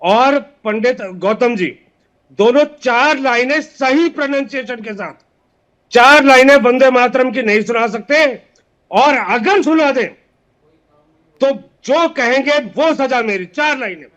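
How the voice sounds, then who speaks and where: A man's voice: very high-pitched, unhurried, fairly bright tone, highs cut off. A man on a TV debate panel, challenging the others and repeating his demand. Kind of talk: heated TV debate.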